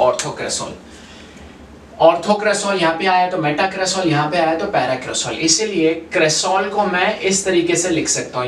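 A man teaching chemistry at a whiteboard, quizzing his students and mixing English terms into his talk. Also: on the high side. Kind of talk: whiteboard lecture. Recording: echoey room, far from mic, faint noise.

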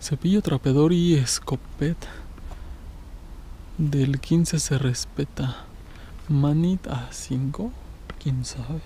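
In a noisy outdoor phone video, a vlog host in his twenties with a Mexican accent explores at night, using short, slangy phrases. He talks slowly with frequent pauses, in a fairly high, mellow voice.

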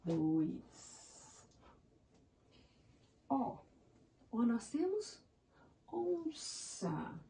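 Slow, lively-voiced Brazilian woman teacher. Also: a little high, creaky, far from the mic, a little hiss or hum. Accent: Brazilian Portuguese. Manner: encouraging, spells words out in syllables. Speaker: primary school teacher. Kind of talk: slow, syllable-by-syllable lesson for young children.

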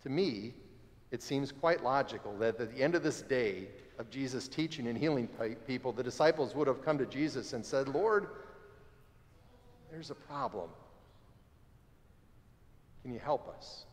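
A pastor in his forties preaches a sermon beside the altar of a church sanctuary, conversational and animated. His mid-range voice moves a little slowly with frequent pauses, and the church adds a long reverb.

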